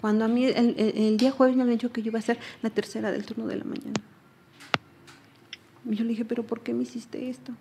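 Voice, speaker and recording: A woman's voice: a little high, little pitch movement, quick pace, gravelly, mellow, slight background noise. A young woman with a Mexican accent giving personal testimony in an interview, earnestly retelling events and often repeating herself.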